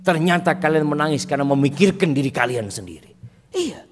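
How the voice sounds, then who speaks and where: A man with an Indonesian accent preaching a sermon, telling stories and acting out quoted voices, dropping to whispers and rising to emphatic peaks, reciting Arabic slowly. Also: on the high side, lively intonation. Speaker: Islamic preacher.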